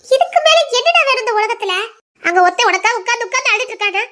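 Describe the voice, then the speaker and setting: A soft-voiced consoling young woman. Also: very high-pitched, lively intonation, racing. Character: gentle young woman comforting her family. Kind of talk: emotional TV serial acting.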